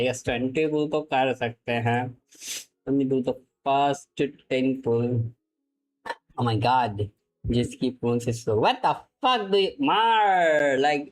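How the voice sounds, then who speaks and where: Excitable Indian game streamer, man. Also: medium pitch, rough recording. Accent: Indian English. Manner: excitable, swears, switches between Hindi and English mid-sentence. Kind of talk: live gaming stream commentary.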